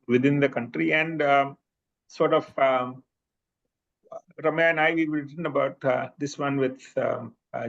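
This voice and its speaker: A professor with an Indian English accent and Bhojpuri as his first language answers audience questions in a seminar room, his medium-pitched voice slightly muffled on the recording. His academic Q&A replies are thoughtful, with filler pauses and restarted sentences.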